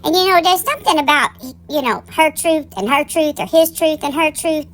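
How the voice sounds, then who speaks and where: A woman's voice: high voice, moderate pace, fairly bright tone. A woman giving casual gossip commentary in a sassy, campy, theatrical drag-queen style, folksy and colloquial. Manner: folksy, colloquial, addresses listeners as darlings. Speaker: online drama commentary host.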